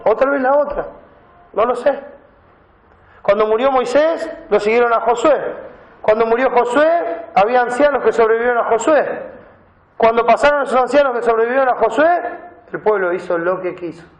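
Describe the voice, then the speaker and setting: High-voiced pastor preaching in an echoey hall. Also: male voice, moderate pace. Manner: preaching, reads scripture aloud and explains Greek words. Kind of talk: sermon. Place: church.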